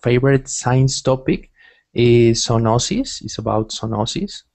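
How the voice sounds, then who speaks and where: Brief: man from Colombia, student, slow halting delivery, dark mellow tone. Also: medium pitch, lively intonation, creaky. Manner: halting, searching for words. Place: home room with bookshelves. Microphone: video call.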